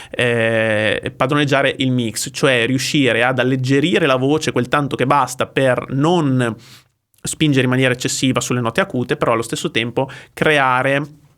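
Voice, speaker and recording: A man vocal coach talking through a song, explaining technique with frequent pauses and checks for understanding. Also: mid-range voice, fairly bright tone. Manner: explanatory, often pausing with "eh" and checking with "ok?". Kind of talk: music reaction and vocal analysis.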